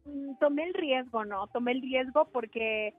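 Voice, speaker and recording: High-voiced laughing Sinaloan woman. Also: measured pace, husky, narrow, tinny audio, soft background music. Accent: Sinaloan Mexican. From Sinaloa, Mexico. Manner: blunt, laughing, lively. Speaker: singer and guest. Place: at home.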